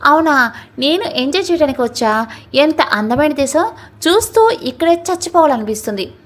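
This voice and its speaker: A woman's voice: high-pitched, expressive, moderate pace. A woman voicing a talkative older man on a trip who keeps teasing and making puns. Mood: chatty. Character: chatty older man, a jokey uncle on a trip.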